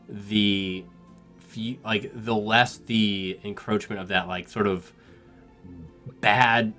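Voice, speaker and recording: A man's voice: on the low side, a bit bright. A man narrating as game master of a tabletop game, rambling with many ums and restarts.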